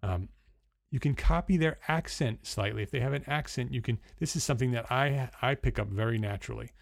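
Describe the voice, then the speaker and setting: A man's voice: medium pitch, fairly quick, gravelly, dry recording, studio quality. A man from New Jersey with a New Jersey accent, giving conversational sales coaching as a numbered list of tips, often restarting his phrases. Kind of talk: instructional talk.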